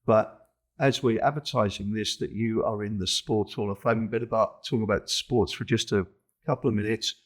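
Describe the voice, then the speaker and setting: A man asking interview questions in a conversational, measured way. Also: fairly low pitch, fairly even intonation.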